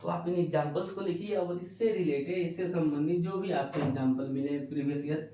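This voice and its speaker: A man teaches an exam-prep grammar lesson, posing a question and then answering it himself, drawing out the key words slowly. His voice is mellow and dark, heard from a distance in an echoey room. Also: a little high.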